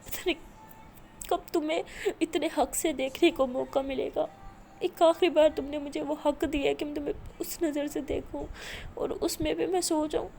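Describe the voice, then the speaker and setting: Brief: desperate pleading young woman in love, tearful and insistent, high and gravelly, read by a woman narrator. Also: fairly even intonation, slight background noise. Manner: tearful, begging, repeating please.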